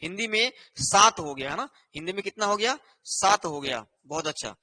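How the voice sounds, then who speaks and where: Bright high-voiced man teaching a class. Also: expressive. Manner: repetitive, with a constant rhetorical "है ना" and "ठीक है"; explains slowly while writing on a board. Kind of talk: online exam-prep lesson.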